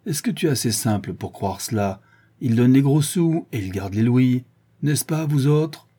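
A man voicing an angry, rabble-rousing village wheelwright in an audiobook, loud and goading. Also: medium pitch, lively intonation, normal speed, breathy edge. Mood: scornful. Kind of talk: audiobook character reading.

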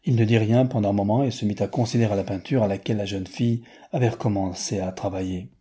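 A man narrating a novel aloud in a measured, literary reading. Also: lowish voice, fairly even intonation, mellow, breathy edge. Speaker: audiobook narrator.

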